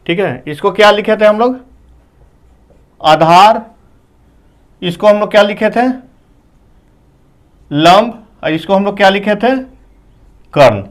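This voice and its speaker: A man teaching a whiteboard math lesson, explaining step by step, asking his students questions and saying "okay" between points. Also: high voice. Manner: explains slowly, asks the class questions.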